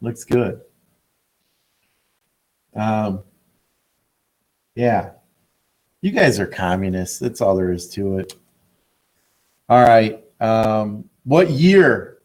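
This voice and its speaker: Man, biology teacher, slow unhurried talk, teasing, sarcastic, video call class. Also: on the low side, a little mellow. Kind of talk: online class lecture.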